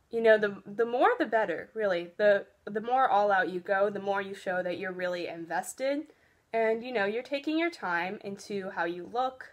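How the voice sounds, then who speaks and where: A teenage girl chatting casually while doing her makeup, giving earnest cheer tryout advice with lots of fillers. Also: medium pitch. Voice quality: loud voice. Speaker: beauty vlogger. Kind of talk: casual get-ready-with-me chat.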